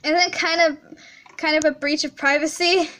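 A woman's voice: high-pitched, steady tone, moderate pace, pushed and bright. A woman playing a horror game on her channel, reading the story aloud in a scared, stammering voice with nervous laughs. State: scared, heart racing. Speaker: gaming channel host. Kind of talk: let's play, reading a visual novel aloud.

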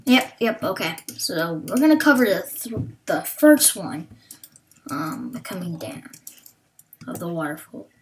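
A woman narrates her own gameplay in a slow, halting way, pausing often with fillers as she thinks aloud. Her voice sits fairly low but moves up and down a lot. A faint hiss runs under the recording. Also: very animated. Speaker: gaming channel host. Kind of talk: Let's Play commentary.

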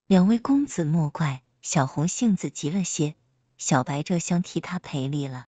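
A woman reading a story aloud, voicing a gentle, courteous celestial maiden who speaks softly and formally. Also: low-pitched, lively intonation, normal speed, no room sound. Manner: soft-spoken, formal.

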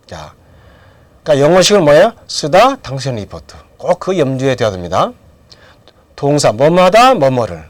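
A man's voice: on the high side, sing-song, normal speed, long pauses, dry recording. A middle-aged man teaching English grammar in a lecture, asking questions and then answering them himself. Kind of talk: lecture with drills.

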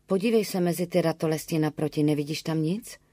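A frightened young village bride speaks in a hushed, pleading voice from an audiobook, as a woman reader puts her on. The tone is low, close and dry. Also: fairly even intonation, dry recording. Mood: frightened whisper.

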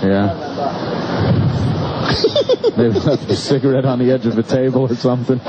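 A male radio co-host, joking around with quick quips and asides in casual interview banter. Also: medium pitch. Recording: dull, very noisy outdoor broadcast.

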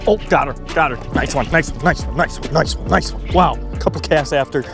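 A man in his twenties vlogging from a small boat on a lake, talking casually to an action camera strapped to his chest, excitable and quick to laugh. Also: on the high side, gravelly, music in the background. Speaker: fishing vlogger. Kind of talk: casual on-the-water narration.

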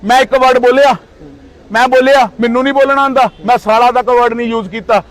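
A man's voice: extremely high pitch, fairly even intonation, fast talker. A man in his thirties from Punjab, India, speaking in a heated street interview with indignant, accusing outbursts.

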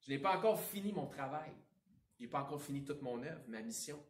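Quebec pastor preaching in an echoey hall. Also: male voice, mid-range voice, fairly quick, far from the mic. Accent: Quebec French. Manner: animated preaching, swinging between emphatic and hushed. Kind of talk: sermon. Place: church sanctuary.

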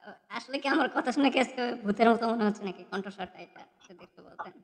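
Male caller, disguised voice with cathedral echo; fast, halting delivery, slightly high pitch. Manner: hesitant, many fillers and restarts. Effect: voice disguiser with heavy cathedral echo. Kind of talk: live call-in debate. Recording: cathedral echo, distant call audio.

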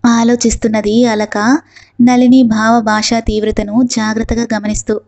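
Woman narrating a novel, flat and steady. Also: a little high, normal speed. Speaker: audiobook narrator.

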